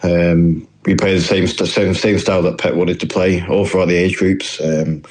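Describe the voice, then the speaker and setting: Here a young footballer guest from New Zealand, who speaks with a northern English accent, talks in a deep, slightly mellow voice at a moderate pace and a level tone. His answers to the interviewer are courteous yet hesitant, peppered with fillers.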